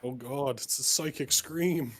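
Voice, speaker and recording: A man playing in a tabletop game, joking and quick to laugh. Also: medium pitch, a bit bright. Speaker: player. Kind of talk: casual game chat.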